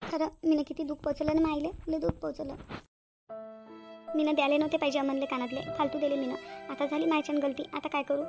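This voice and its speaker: Woman voicing remorseful cartoon daughter, high, fast, slightly gravelly. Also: little pitch movement, music in the background. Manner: guilty, self-reproaching monologue. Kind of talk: cartoon voice acting.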